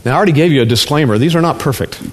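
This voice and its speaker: A male preacher giving a conversational, humorous sermon with everyday illustrations, pausing for an interpreter. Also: on the high side, a little hiss or hum.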